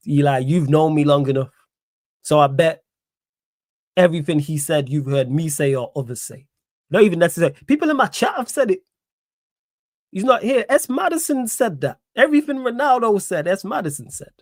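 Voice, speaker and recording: A young Manchester-accented man hosts a live stream, reading the chat aloud and firing back indignantly while repeating himself for emphasis. His voice is fairly high, animated and brisk, captured in clean studio sound with no echo.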